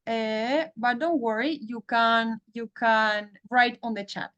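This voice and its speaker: A woman's voice: fairly high pitch, steady tone, takes it slowly, fairly bright tone, dull audio. A woman with a French accent teaching an online class, switching between French and English and often repeating her words. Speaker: French teacher hosting a webinar.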